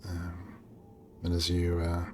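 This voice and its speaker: A man with a low voice runs a tabletop game, narrating and chatting in hesitant, improvised phrases. A faint layer of noise sits behind him. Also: monotone, takes it slowly, dark tone. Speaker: game master. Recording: clear background noise.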